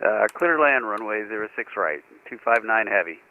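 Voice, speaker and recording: A man's voice: lowish voice, lively intonation, moderate pace. A man giving a brief, matter-of-fact landing readback as a pilot over the radio. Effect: pilot radio transmission. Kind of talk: flight sim radio readbacks. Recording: tinny phone-like radio line.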